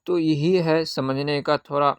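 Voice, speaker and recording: A man teaching a Qaida reading lesson, patiently asking questions and answering them himself, with drawn-out syllable recitation. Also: a little high, steady tone, vocal fry, clear, resonant tone, dry recording.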